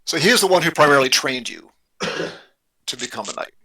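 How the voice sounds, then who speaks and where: Man, game master, tabletop narration, bright forceful tone, halting repeats. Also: fairly high pitch, expressive, husky, rough recording.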